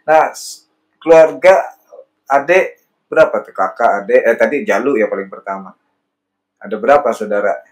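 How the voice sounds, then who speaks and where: A man's voice: mid-range voice, lively intonation, moderate pace, pauses often. Friendly questioning podcast host, a man. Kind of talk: casual interview chat.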